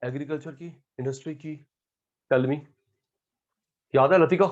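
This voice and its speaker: A man teaching economics in a live classroom lecture, calling on students by name and swinging between loud calls and quiet asides. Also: fairly high pitch, moderate pace, highs cut off.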